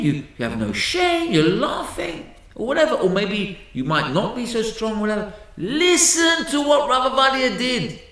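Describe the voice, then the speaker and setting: A male rabbi telling stories in a sermon, animated, often repeating words and using Hebrew terms. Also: high voice. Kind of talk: storytelling sermon. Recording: very echoey room.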